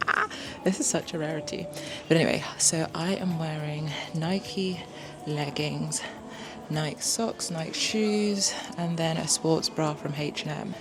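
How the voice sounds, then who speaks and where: A young woman with a notably low voice talks through her day in a chatty, upbeat vlog. She is self-deprecating and laughs easily. Clear background noise runs behind her voice. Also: steady tone, measured pace. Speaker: vlogger. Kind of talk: casual vlog narration.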